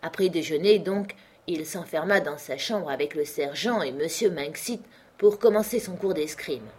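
A woman narrating a classic novel as an audiobook, in clear, measured storytelling. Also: low voice, darkish tone. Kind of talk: reading a classic novel aloud.

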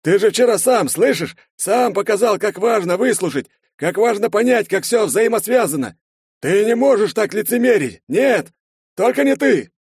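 Man reading as a shrill, frantic male hero; dry, close sound. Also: lively intonation, normal speed, slightly rough, no echo, exaggerated voice. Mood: frantic shouting. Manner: shouting, frantic. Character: fiery male hero lashing out in despair.

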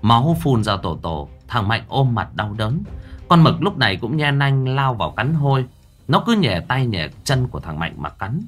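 A man narrating a story in a dramatic, animated way. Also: medium pitch, normal speed, faint music behind. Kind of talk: scripted storytelling.

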